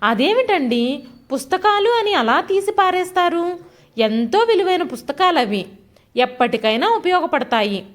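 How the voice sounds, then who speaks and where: A timid young wife in a storybook drama, hesitant and pleading as she defends herself, voiced by a woman narrator. Her voice sits high and moves a lot. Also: sing-song, a little slow, heavily acted. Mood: hurt.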